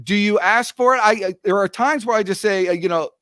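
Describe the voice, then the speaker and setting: A man's voice: high voice, a little fast, pushed and bright, smooth, dry recording, studio quality. A man hosting a podcast interview, chatty and encouraging as he asks questions. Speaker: podcast host. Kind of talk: casual interview talk.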